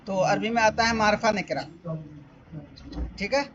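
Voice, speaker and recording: A man teaches Arabic, walking through exam questions step by step and repeating each one aloud. His voice sits high for a man, and the audio is dull and lo-fi with a faint hiss underneath. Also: fairly bright tone. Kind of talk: exam-paper walkthrough lesson.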